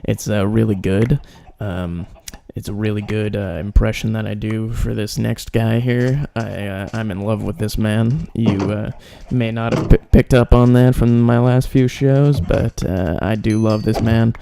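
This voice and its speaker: A man hosting a comedy podcast, deadpan and self-mocking, rambling with filler into a close microphone. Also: fairly low pitch, a little slow, creaky, hardly any pauses, a little hiss or hum. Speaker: podcast host. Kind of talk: comedic monologue.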